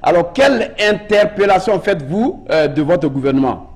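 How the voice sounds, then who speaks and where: Husky high-voiced talk-show host. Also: male voice, lively intonation, normal speed, darkish tone. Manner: brief acknowledging interjections. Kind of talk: TV interview hosting.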